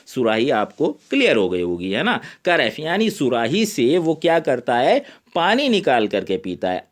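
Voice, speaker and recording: A man with an Indian accent teaching a literature lesson, reading English lines slowly and explaining them in Hindi. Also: a little high.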